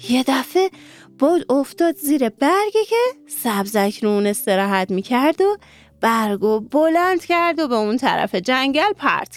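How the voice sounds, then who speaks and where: A woman telling a bedtime story to children, engaging them with questions. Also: medium pitch. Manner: engaging, asks listeners questions.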